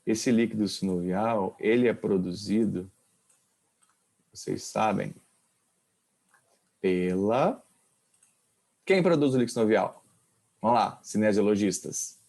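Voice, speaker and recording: A man's voice: fairly low pitch, slow pace, gravelly, long pauses, darkish tone. A male professor giving an informal anatomy lecture, quizzing his students with questions as he explains. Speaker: kinesiology professor.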